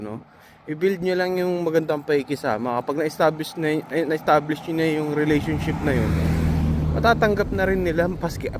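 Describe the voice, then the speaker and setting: A man's voice: fairly high pitch, a little hiss or hum. A Filipino man giving casual, earnest advice to fellow nurses in a vlog, reassuring and full of hesitant fillers.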